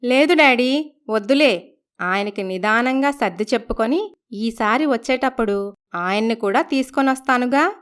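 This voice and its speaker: A troubled young daughter hiding her sorrow, voiced by a woman in a cartoon moral story. Her voice is smooth and clear, soft and evasive. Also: on the high side, expressive, moderate pace. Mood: evasive, gentle. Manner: apologetic, evasive.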